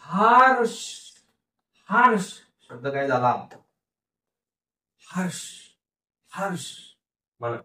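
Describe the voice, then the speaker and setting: This phonics teacher, a man with a high-pitched voice and lively intonation, speaks a little slowly and leaves long pauses. He sounds out words syllable by syllable, repeats them, and answers his own questions to the class. A far-off mic gives the audio a roomy echo.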